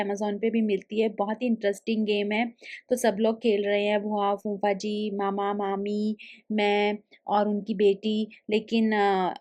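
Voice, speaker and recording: A woman's voice: medium pitch, a little mellow. A young woman, a new mother, narrating her family vlog in a chatty, step-by-step way. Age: young adult. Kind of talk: casual voice-over narration.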